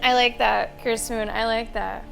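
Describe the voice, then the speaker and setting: A woman's voice: a little high, fairly even intonation, a little slow, gravelly. A woman game streamer giving casual live playthrough commentary and chatting with her viewers. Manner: chatty, thanks and addresses viewers. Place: voice over game audio. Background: faint game music.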